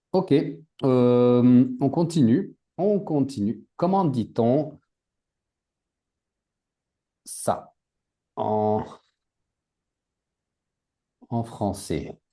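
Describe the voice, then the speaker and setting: A man's voice: medium pitch, mellow. A man teaching a language class, patiently repeating words and adding English glosses for his students. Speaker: French teacher.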